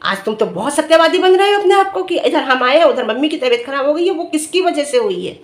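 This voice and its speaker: Middle-aged woman, vlogger, high voice, earnest lecturing tone, scolding rhetorical questions, echoey room. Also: expressive, fast talker. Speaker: vlogger commenting on another family's dispute. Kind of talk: direct-to-camera opinion commentary.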